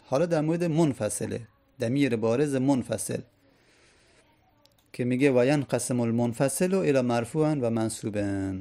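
Gravelly-voiced male grammar teacher. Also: medium pitch, warm tone. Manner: recites Arabic conjugations in chanting drills, then explains casually. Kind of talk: Arabic grammar lesson.

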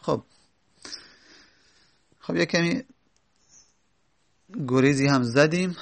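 Gravelly, higher-pitched male lecturer. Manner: patient, spells out examples letter by letter with fillers. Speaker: teacher of Arabic prosody. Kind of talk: spoken lecture.

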